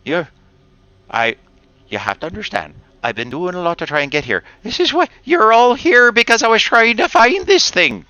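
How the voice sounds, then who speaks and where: A man voicing a greedy, excitable male dwarf who stammers and yells in a shrill voice. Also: moderate pace, dry recording, highs cut off, full character voice. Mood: nervous.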